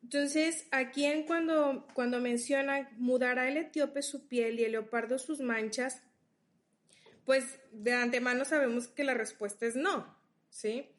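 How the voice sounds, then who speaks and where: Slow, patient woman teaching scripture. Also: high voice, fairly even intonation. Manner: explains patiently, reads verses aloud, checks in with listeners. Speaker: Bible study teacher. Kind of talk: Bible study teaching.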